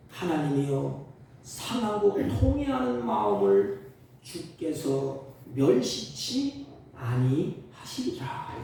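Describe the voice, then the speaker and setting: A male pastor preaching a Sunday sermon, swinging from loud exhortation to hushed, tender asides. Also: a little high. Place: church sanctuary. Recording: roomy church sound from a distant mic.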